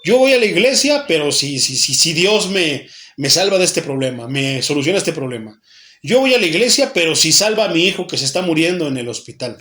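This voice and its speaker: A Mexican pastor voicing a selfish churchgoer who pleads and bargains with God, speaking in a raised, insistent voice. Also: male voice, fairly high pitch, big pitch swings, fairly quick, sharp tone, echoey room. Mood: pleading.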